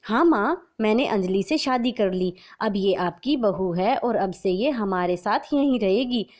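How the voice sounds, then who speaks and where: A woman's voice: medium pitch, animated, unhurried, a little mellow, lightly acted. A woman voicing a young husband who speaks firmly and resolutely to his mother in a storybook tale. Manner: firm and resolute. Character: young husband, firm and devoted.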